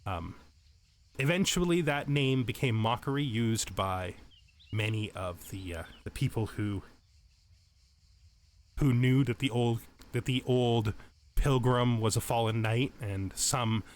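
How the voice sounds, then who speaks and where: Speaking slowly in a mid-range voice with frequent pauses, the let's play host walks through a game casually. He explains things and thinks aloud along the way, often stopping to correct himself.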